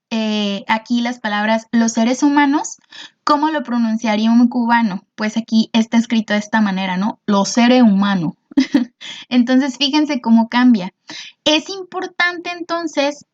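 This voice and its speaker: A woman's voice: a little high, darkish tone, muffled recording. A woman teacher, patiently explaining a lesson and often checking in with her students. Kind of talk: recorded class explanation.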